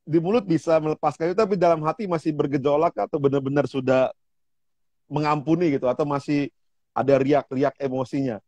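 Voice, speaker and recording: A man hosts a relaxed livestream chat, dropping in quick agreements and playful jokes. His voice sits a little high for a man. The sound is dry and close. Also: no room sound. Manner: short encouraging interjections and joking asides. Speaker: host. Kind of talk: casual livestream talk show.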